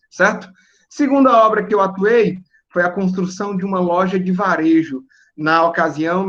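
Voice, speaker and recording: A young man, giving a relaxed, explanatory talk to students and checking in with "né?" and "certo?". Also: sits high, lo-fi sound. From Northeast Brazil. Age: young adult. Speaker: guest engineer speaking to students. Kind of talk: relaxed presentation over video call.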